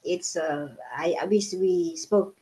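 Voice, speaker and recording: A woman in her fifties from the Philippines, a native Tagalog speaker, tells her life story in a casual interview. Her lowish voice is slow and mellow, and her chatty talk is full of fillers and restarts.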